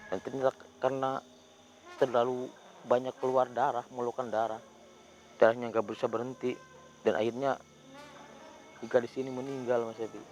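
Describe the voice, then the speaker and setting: A man, hosting a ghost-hunting video outdoors at night, talking in a hushed voice that turns into loud, urgent calls. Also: mid-range voice, little pitch movement, moderate pace, pauses often. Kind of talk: hushed on-location paranormal narration.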